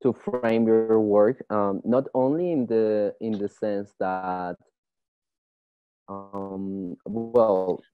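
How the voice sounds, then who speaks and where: A man moderating an online panel, speaking haltingly and repeating words. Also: on the low side, clear, resonant tone, faint music behind. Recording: tinny dry phone-like call audio.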